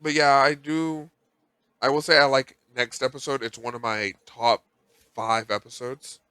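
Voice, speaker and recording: A man co-hosting a casual animation podcast, teasing his partner and breaking into animated bursts of emphasis. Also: mid-range voice, measured pace, clean tone, no room sound. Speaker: podcast co-host. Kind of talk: casual chat.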